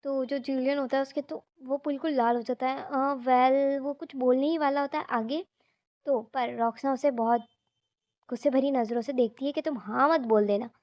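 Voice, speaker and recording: Woman telling a manga story, high voice, dead dry sound, chatty and switches into english a lot. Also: fairly even intonation, moderate pace, a little mellow, no room sound. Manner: chatty, mixes English words, briefly voices the characters' lines. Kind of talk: casual retelling of a manga story.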